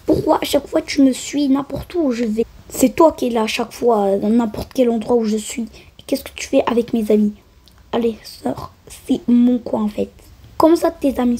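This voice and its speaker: A woman acting out a doll-play story, switching quickly between the lively voices of many children and grown-ups. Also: a little high, husky. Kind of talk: acted-out doll play voicing many characters.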